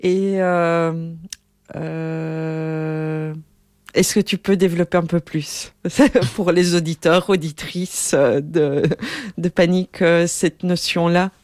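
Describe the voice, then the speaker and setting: A woman's voice: fairly low pitch, steady tone, slow, a little mellow, dry recording, clean studio sound. A woman hosting a radio interview, hesitant with many fillers, speaking into a headset. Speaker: radio host.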